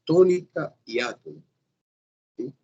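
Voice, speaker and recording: Male teacher, unhurried, slightly husky; patient explainer who keeps checking in with the class. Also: a little high, very animated, dark tone, dull audio. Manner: patient, checks in often with a questioning "sim?". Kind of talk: grammar lesson.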